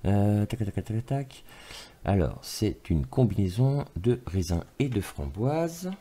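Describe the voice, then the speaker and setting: A man with a low, deep voice and a mellow, dark tone talks through a casual product review. He rambles and drops filler words constantly, with offhand and slightly crude asides, on his camera's mic. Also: very animated, slow pace, slightly rough. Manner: rambling, full of "euh" and "voilà" fillers; informal, mildly crude asides.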